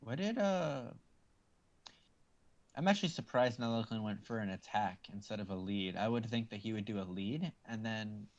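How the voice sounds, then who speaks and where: Low-pitched guy walking through the game rules, steady and a bit hesitant. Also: muffled recording. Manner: explanatory, measured, a little hesitant. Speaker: game commentator. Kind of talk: casual game commentary.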